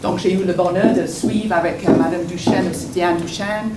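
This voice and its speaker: At a public meeting in a meeting hall, a native English-speaking woman gives an unscripted public comment, hesitating and searching for words with many restarts. Her voice is on the low side and steady in tone, at a normal speed. The room is echoey, the mic distant, and there's background noise.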